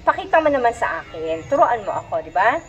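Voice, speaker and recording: A high-pitched woman with a Filipino accent leads a children's reading lesson. She reads each English line slowly, then switches to rapid questions and explanations. Children's voices and a crowd murmur fill the room behind her. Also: sing-song, lo-fi sound. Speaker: reading tutor. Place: classroom with children responding.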